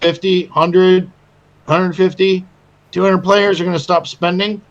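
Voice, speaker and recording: A man co-hosting a casual gaming podcast, animated and swearing freely, often stammering and restarting. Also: sits high, a little slow, dull audio. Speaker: podcast co-host.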